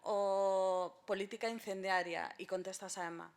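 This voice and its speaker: A woman's voice: mid-range voice, steady tone, moderate pace, very noisy. A woman moderating a round-table debate, directing turns and calling on speakers.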